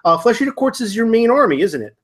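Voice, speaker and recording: A man's voice: extremely high pitch, very animated, fast, husky. A man hosting a tabletop gaming talk show, asking questions with many fillers and restarts. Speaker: podcast host. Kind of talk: casual hobby gaming discussion.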